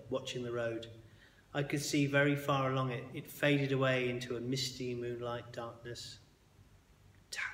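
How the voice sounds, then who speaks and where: A man reading a children's book aloud as a bedtime story, expressive and sometimes dropping to a hush. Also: mid-range voice, a little hiss or hum. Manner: expressive, with hushed quiet passages. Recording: echoey hall with long reverb.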